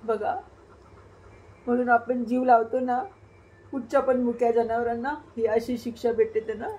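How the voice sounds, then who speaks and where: A woman from Maharashtra vlogging casually to her viewers and her small daughter, tearful and cooing in soft sing-song baby talk. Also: on the high side, level tone, moderate pace, rough recording. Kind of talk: casual vlog talking to viewers and her child.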